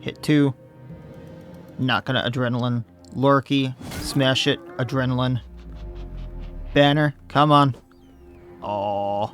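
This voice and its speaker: A man's voice: mid-range voice, fairly even intonation, slow pace, long pauses, a bit bright, faint music behind. A man, slightly losing his voice, commenting casually on his own gameplay and thinking aloud as he plays. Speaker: let's play host.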